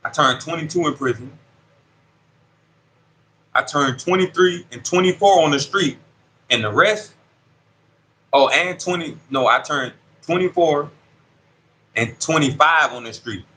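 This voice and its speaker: A man in his thirties, interviewed in a prison dorm, tells a casual story in street slang and keeps asking "you see what I'm saying." His voice is fairly high, pushed and bright, unhurried and full of pauses. The recording is rough, with a little hiss or hum.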